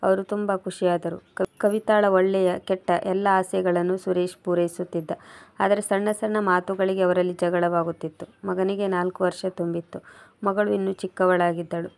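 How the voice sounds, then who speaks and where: A woman narrating a moral storybook tale in a steady, even read-aloud manner. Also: lowish voice, normal speed, creaky.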